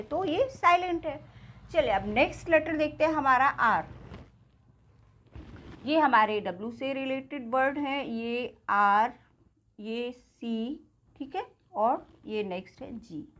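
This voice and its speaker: A woman with an Indian accent teaching spoken English, patiently repeating words and asking her class questions. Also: high voice.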